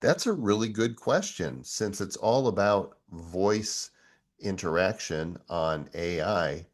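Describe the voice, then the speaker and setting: Deep-voiced middle-aged guy hosting a tech show, relaxed and chatty. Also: slow. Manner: relaxed, conversational, easily amused. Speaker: show host. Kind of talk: casual tech walkthrough.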